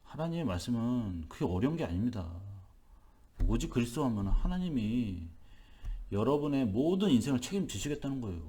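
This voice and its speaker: A man's voice: mid-range voice, dark tone. A male pastor giving an early-morning sermon, emphatic and repetitive, asking rhetorical questions. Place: church.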